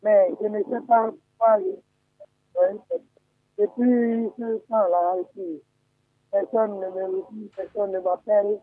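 A man calling in to a radio show by phone, slow and repetitive as he voices plaintive complaints. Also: sits high, dry recording. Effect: phone call line. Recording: tinny phone line.

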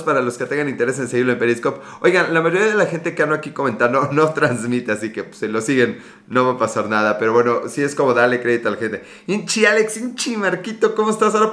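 A man's voice: mid-range voice, lively intonation, fast talker, bright, forceful tone. Mexican guy chatting on his livestream, bit of a sore throat, echoey room. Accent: Mexican Spanish. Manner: chatty, greets viewers by name, jokes and digresses. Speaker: livestream host. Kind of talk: casual livestream chat.

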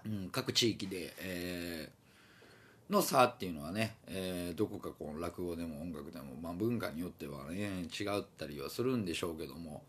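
Deep-voiced Kansai man musing solo. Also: moderate pace. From Osaka. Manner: meandering, many fillers and hesitations. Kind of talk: casual solo talk.

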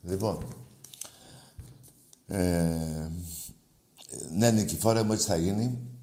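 A radio host with a lowish male voice trades crude, teasing banter with his callers. His voice carries a roomy, echoey studio sound. He talks in a loose, casual call-in manner and mocks whoever is on the line. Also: warm tone.

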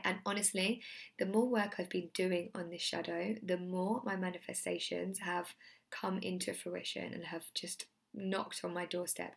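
A woman hosting a solo self-help podcast in a casual, effusive and earnest way, her voice hoarse and giving out as if she has nearly lost it. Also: lowish voice. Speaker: podcast host and mindset coach.

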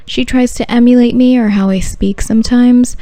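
A woman's voice: a little high, fairly even intonation, moderate pace, dark tone, dry recording. A woman hosting a podcast, telling scripted personal stories in a sultry, wry, arch delivery with no discernible regional accent. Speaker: podcast host.

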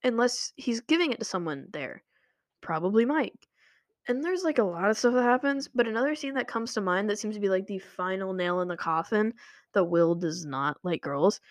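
A woman's voice: mid-range voice, lively intonation, moderate pace, no echo, clean studio sound. A young woman chatting casually to her viewers, rambling with lots of filler words. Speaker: vlogger. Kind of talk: casual commentary. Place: home room with running water nearby.

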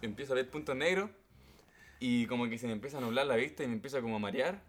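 A young man with a Chilean accent, a guest on a casual podcast, calmly explaining step by step what happened to him. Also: mid-range voice, fast talker. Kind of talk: casual storytelling chat.

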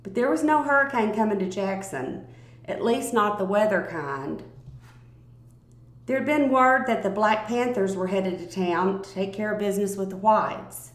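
A woman narrating a first-person story aloud in a calm, measured reading voice. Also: medium pitch. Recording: roomy, echoey recording.

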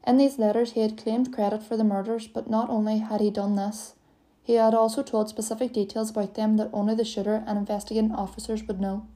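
A woman narrates a true-crime podcast from a script. Her voice is deeply mellow and dark, and her pitch stays flat and level throughout. The reading is steady and even. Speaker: podcast host.

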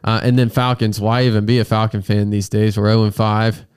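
American guy podcast host w a stuffed up frog voice, kinda low, chatting and joking, real dry close sound. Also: level tone, brisk, darkish tone, clean tone, dry recording. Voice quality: froggy, congested-sounding voice from a sinus infection. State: congested with a sinus infection. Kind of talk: casual, joking chat.

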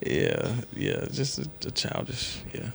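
A young man co-hosts a podcast in an easygoing, slang-heavy chat. His mid-pitched voice carries a gravelly fry, and he keeps the talk loose and unhurried. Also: wildly swooping pitch, a bit bright. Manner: laid-back, slangy, keeps saying "you know what I'm saying". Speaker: podcast co-host. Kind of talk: casual chat.

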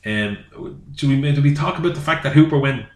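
A man's voice: on the high side, brisk. A man from Ireland co-hosting a casual film chat, telling stories that trail off mid-sentence. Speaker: podcast co-host. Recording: echoey room.

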